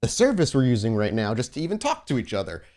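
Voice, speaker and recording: A man hosts a tabletop roleplaying podcast as its game master, moving from casual chat to improvised scene-setting. His medium-pitched voice is a little mellow, swings hugely in pitch, and moves quickly.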